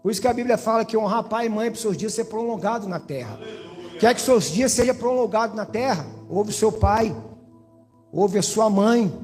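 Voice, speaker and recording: Brazilian guy from espirito santo giving testimony in church, really high voice, echoey hall, soft music behind. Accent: Brazilian Portuguese, Espírito Santo. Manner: preacher-like, addresses pastor and congregation directly.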